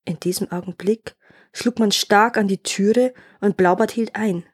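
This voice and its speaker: A woman's voice: mid-range voice, steady tone, measured pace, slightly rough. Woman reading a fairy tale aloud. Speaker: storyteller and podcast host.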